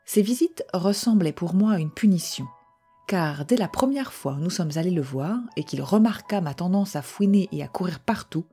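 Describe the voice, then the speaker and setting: A woman calmly reading a first-person short story aloud in a measured voice. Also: fairly low pitch, husky.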